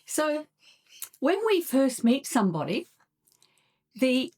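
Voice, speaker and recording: A middle-aged woman with an Australian accent, a couples coach hosting a solo podcast, explaining her ideas in a measured, steady way. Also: a little high. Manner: measured, explanatory, with occasional soft laughs and fillers.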